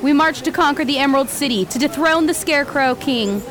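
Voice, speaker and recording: A woman's voice: sits high, a little fast, a bit bright. A woman playing a bold, bossy girl general with a declamatory, commanding delivery in an audio drama. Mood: rousing. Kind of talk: theatrical audio drama acting. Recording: noisy, with crowd sounds behind.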